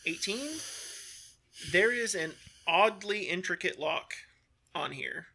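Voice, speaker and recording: Man, game master, descriptive halting narration, bright tone. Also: high voice, lively intonation, gravelly, slightly rough. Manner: easygoing, descriptive, filler-heavy narration.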